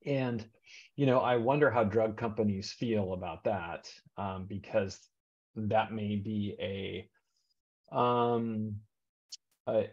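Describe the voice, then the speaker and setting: Low-voiced man rambling on a call. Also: takes it slowly, a little mellow. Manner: rambling, many fillers and restarts. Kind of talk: video call discussion. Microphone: video call. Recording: dull lo-fi call audio.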